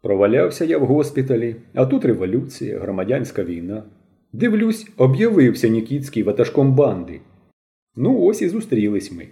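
A man's voice: mid-range voice, very animated, normal speed, vocal fry, warm tone. A man voicing a jovial seasoned soldier. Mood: sober. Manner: jovial, teasing, plain-spoken. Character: cheerful seasoned soldier, grown man, easygoing. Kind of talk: audiobook character voice.

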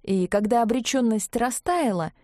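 Woman, audiobook narrator, calm measured reading, mellow, dry close sound. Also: fairly high pitch, no room sound.

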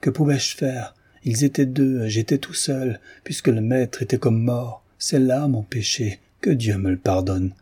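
A man reading as a gruff old dying peasant. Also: mid-range voice, unhurried, few pauses, warm tone. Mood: grave. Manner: gruff, confessional.

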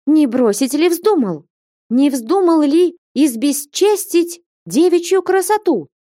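A woman's voice: a little high, lively intonation, unhurried, a little mellow, no echo, studio quality, voice pushed up. Flyonushka, a fiery young woman voiced by a woman. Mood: scolding. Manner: scolding, insistent, mocking. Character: sharp-tongued young woman, bold and impatient.

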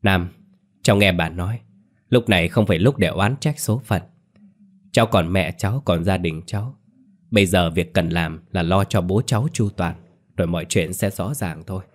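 A man's voice: low voice, moderate pace. A man voicing a stern but caring old grandmother who gives firm, grave counsel.

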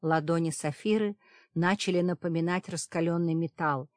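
Low-voiced woman narrating a fantasy audiobook. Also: steady tone, moderate pace, a little mellow, dry recording, studio quality. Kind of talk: scripted narration.

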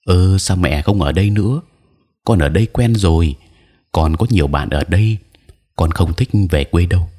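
A man's voice: low-pitched, moderate pace, warm tone. A man voicing a curious, sulky schoolboy son in an audio story, with a whiny, pleading manner.

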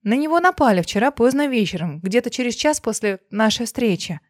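A woman's voice: on the high side, animated, fairly quick, no echo, studio quality. A woman voicing a caring young woman who speaks earnestly.

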